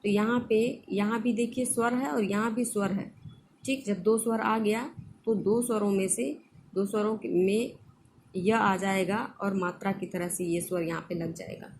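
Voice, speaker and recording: A woman's voice: medium pitch, fairly even intonation, moderate pace, darkish tone, a little hiss or hum. A woman teaching a grammar lesson, explaining patiently, repeating terms and checking in with short questions. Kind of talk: classroom lesson.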